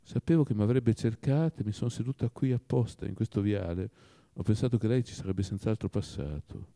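A man voicing a composed young noblewoman who speaks softly and tenderly, in an audiobook reading. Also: on the low side, fairly quick, lightly acted. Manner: soft, tender, restrained.

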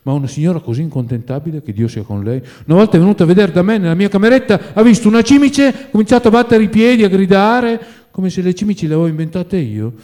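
Fields: Figure: old male servant, poor and fond of drink, voiced by a man. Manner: plaintive, sighing, grumbling, calls on God. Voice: mellow, pitched a bit high. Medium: audiobook. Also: lively intonation, fast talker.

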